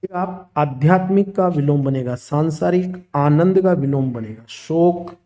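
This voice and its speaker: Slow, mellow-voiced teacher. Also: male voice, fairly high pitch. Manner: steady, listing word pairs one after another. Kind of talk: grammar lesson.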